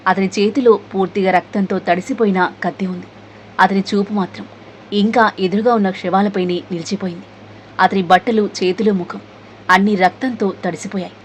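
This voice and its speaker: A woman narrates a dark story in a measured, dramatic way. Her voice sits at an ordinary middle pitch. A faint hiss runs underneath.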